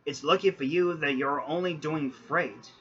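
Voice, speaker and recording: A man voicing a proud, sharp-tongued little male engine who lectures with a sigh. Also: fairly high pitch, normal speed, lo-fi sound, slight background noise, close to an everyday voice. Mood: superior. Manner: sighing, superior.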